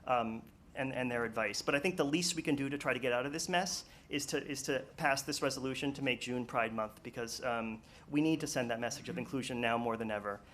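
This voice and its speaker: A man speaks at a town commission meeting, earnest and a little nervous. His voice sits at an ordinary pitch, with many ums and restarts, over faint room noise. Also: fairly bright tone. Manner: earnest, halting with many fillers. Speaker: public commenter. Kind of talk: public comment at a town meeting.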